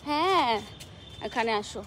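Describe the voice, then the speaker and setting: A woman's voice: sits high, animated, measured pace, fairly bright tone, soft background music. A young mother talking to her small child in a sing-song, coaxing way while filming outdoors in a rooftop garden. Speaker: mother and vlogger.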